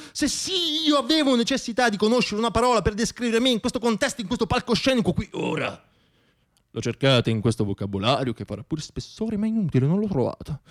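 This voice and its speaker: A storyteller performs a theatrical comic monologue, his voice sitting high. He is wry and self-deprecating, repeating words for effect.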